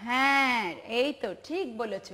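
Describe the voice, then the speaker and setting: A woman's voice: high voice, unhurried, sharp tone. A woman teaching a televised preschool lesson, patient and sing-song, asking questions and praising the children. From Bangladesh.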